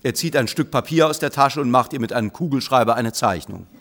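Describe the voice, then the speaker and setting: A man reading a comic story aloud as narrator, with wry, lively storytelling. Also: medium pitch, a little fast, in a large hall.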